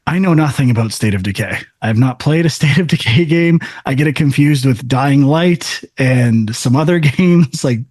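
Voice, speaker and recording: A man co-hosting a gaming podcast, leading the rundown in a halting, chatty way. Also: mid-range voice, lively intonation, darkish tone, no echo. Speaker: podcast co-host. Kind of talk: casual chat.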